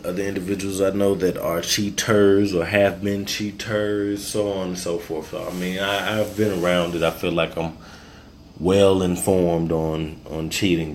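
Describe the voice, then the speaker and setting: Man, podcast host, very deep voice, rambling, tipsy, casual, faint background hiss. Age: adult, married. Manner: loose, rambling, tipsy and relaxed. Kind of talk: casual freestyle podcast monologue.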